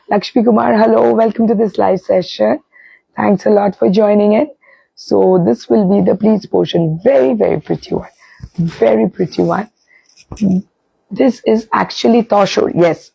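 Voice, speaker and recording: A woman with an Indian Bengali accent presents products on a live sale. Her sore throat leaves the voice hoarse, heavily creaky and dark, cracking into whispery breath. The sound is close and dry, and she repeats herself with frequent little check-ins. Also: mid-range voice, dry recording, lo-fi sound. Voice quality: husky, croaky, breaking into breathy whisper. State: hoarse from a bad sore throat, voice strained and breaking. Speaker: live sari sales host. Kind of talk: live shopping presentation, casual product showcase.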